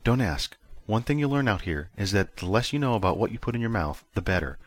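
A man's voice: fairly low pitch, sing-song, a little fast, no echo. A man voicing a blunt, matter-of-fact woman who leads a spaceship crew. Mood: blunt, stern. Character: blunt, stern female spaceship crew leader.

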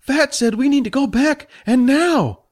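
A man doing a shrill scolding adventurer. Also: unhurried. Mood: panting. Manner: high, strained and scolding. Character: exasperated male adventurer companion, fussy and out of breath.

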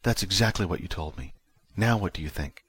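A man's voice: deep voice, brisk, a bit bright, slightly rough, no room sound. A man voicing a blunt, matter-of-fact woman who leads a spaceship crew. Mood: blunt, stern. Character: blunt, stern female spaceship crew leader.

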